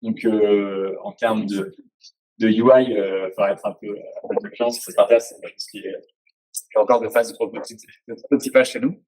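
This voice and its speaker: A man's voice: fairly low pitch, fairly even intonation, moderate pace, a little mellow, poor audio. A man giving a casual technical presentation, hesitant, with many fillers and restarts. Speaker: presenter at a tech talk.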